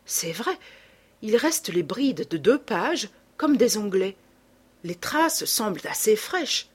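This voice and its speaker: A pedantic, curious old scholar, voiced by a woman reading aloud, measured and explanatory in tone. The voice is a little breathy and swings lively in pitch. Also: full character voice. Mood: observant.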